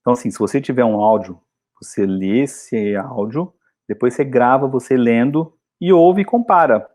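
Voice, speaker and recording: A man's voice: medium pitch, darkish tone. A Brazilian man, an English teacher, giving a chatty and encouraging video lesson.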